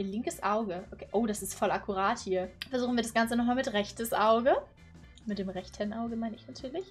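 A woman of twenty-one, chatty and playful, commenting casually from a small bedroom into a condenser mic. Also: fairly high pitch. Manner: chatty, playful, exclaims and giggles. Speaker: YouTuber. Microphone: studio condenser mic on boom arm.

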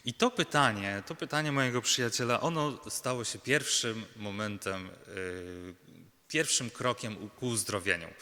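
A male Jesuit preacher gives a personal sermon in a bright, clear, rather low voice. Earnest and halting, he stumbles and restarts with many fillers, often checking in with the congregation through small rhetorical questions. A long reverb from a large church surrounds his voice.

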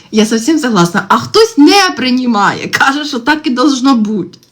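A woman in her thirties chatting casually on a phone live stream while she draws, ranting and swearing, her pitch jumping up when she gets worked up. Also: expressive, normal speed. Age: 30s. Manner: swears constantly, exasperated rants with sudden high-pitched outbursts. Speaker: TikTok livestream host. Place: indoors at home. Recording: faint background noise and clicks.

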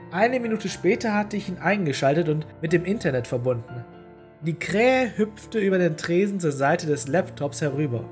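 A woman narrating a story in an even, deadpan manner. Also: sits low. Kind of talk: audio horror story reading.

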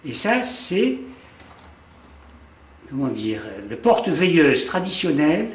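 An older Algerian man speaks slowly in a slightly high, sing-song voice during a conversational interview. Reflective, he repeats words while searching for them, in an echoey room with faint background noise.

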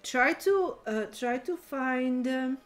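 A woman's voice: high-pitched, lively intonation, slow. A woman streamer chatting casually and playfully with her viewers while gaming. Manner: playful, teasing, talks to chat.

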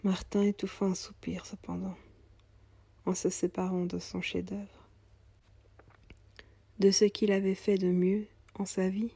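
A woman narrating a storybook tale in a calm, soft voice that sometimes drops almost to a whisper. Her tone is dark and husky, and the recording is dry. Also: medium pitch, a little slow, pauses often, no room sound.

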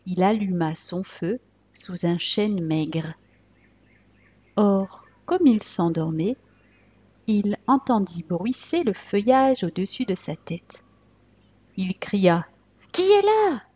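Slow, husky-voiced woman storyteller. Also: on the low side. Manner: slow, soft, dropping to whispers. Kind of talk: read-aloud fairy tale narration.

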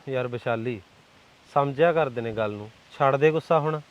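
A man's voice: medium pitch, moderate pace, lo-fi sound, close to an everyday voice. A young actor with a Punjabi accent playing a boyfriend who coaxes and soothes his angry girlfriend. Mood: coaxing. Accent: Punjabi (Malwa). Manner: coaxing, soothing. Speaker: actor in a short film.

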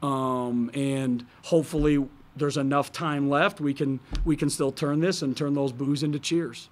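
A man's voice: mid-range voice, fairly even intonation, a little slow, slight background noise. A man in his thirties, a basketball head coach answering reporters candidly at a post-game press conference, speaking into a table microphone with many fillers and restarts. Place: press conference room, in front of a sponsor backdrop.

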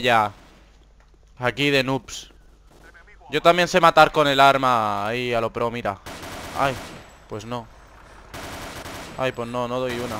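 A young man from Spain with a Spanish accent, hosting live gameplay commentary, swinging from hushed whispers to excited shouts. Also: mid-range voice, slight background noise. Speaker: gaming channel host.

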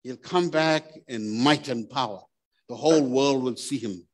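A man's voice: medium pitch, a little slow. Male pastor, sermon, earnest, plain-spoken, asks the congregation direct questions, mid-range voice. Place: church.

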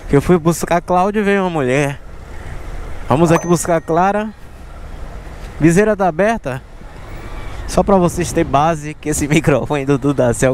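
A man in his thirties talks in a high-pitched voice with a Bahian accent from Salvador. His delivery is casual, slangy street talk, as a motorcycle taxi vlogger. Some outdoor traffic and vehicle noise sits behind him. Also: darkish tone. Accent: Bahian Brazilian Portuguese, Salvador. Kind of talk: casual vlog chat. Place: outdoors on city streets, mostly riding a motorcycle.

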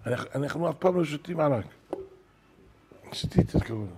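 An older man, a rabbi, telling wonder stories in a sermon at a synagogue, animated, acting out what people said. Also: fairly high pitch, a little hiss or hum. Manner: animated storyteller, acting out quoted shouts. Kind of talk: storytelling sermon.

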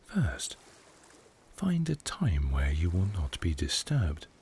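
Male meditation guide, deep-ish voice, very unhurried, gentle hushed and whispery narration. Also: huge pitch swings, a little hiss or hum. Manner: soft, hushed delivery, often slipping into a whisper.

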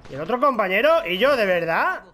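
A man with a Spanish accent from Spain narrates his own gameplay as he plays. His voice sits high and swings wildly in pitch, flying into loud excited outbursts and self-mocking jabs. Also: fairly quick. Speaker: gaming YouTuber. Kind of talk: live gameplay commentary.

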